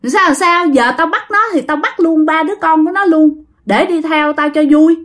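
A woman's voice: sits high, normal speed, fairly bright tone, voice pushed up. A woman voicing a mocking female ghost that possesses an old woman, taunting and cackling.

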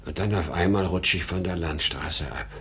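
In a noisy 1950 German radio drama recording, an actor voices a worn-out salesman in his sixties who is proud, erratic, and prone to rambling. His voice is low and fairly bright, moving at a normal pace, and he sounds dreamy and troubled, weary yet breaking into boastful outbursts.

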